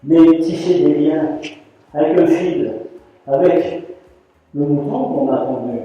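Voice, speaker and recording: Speaking slowly in a voice on the high side, an older man who weaves rugs gives a storytelling talk to an audience, bringing the characters' quoted voices vividly to life. It was recorded from a distance in a large hall, so the sound is dull and echoey.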